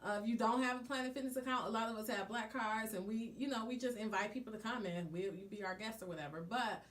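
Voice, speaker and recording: A woman co-hosting a podcast, telling stories in a chatty, animated way with casual slang. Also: a little high, quick pace. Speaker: podcast co-host. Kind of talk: casual chat.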